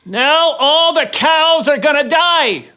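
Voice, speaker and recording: Moses, a man playing a slow, stern prophet. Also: very high-pitched, animated, bright, forceful tone, pitched above the performer's own voice, full character voice. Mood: solemn warning. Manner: slow, raised, solemn proclamation. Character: Moses, stern adult male prophet warning a king.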